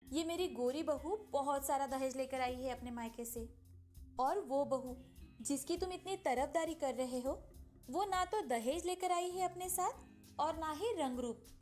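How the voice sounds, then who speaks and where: A bossy old mother-in-law in a cartoon tale, put on by a woman narrator. She scolds sharply in a high voice over soft music. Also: a little slow. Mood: scornful.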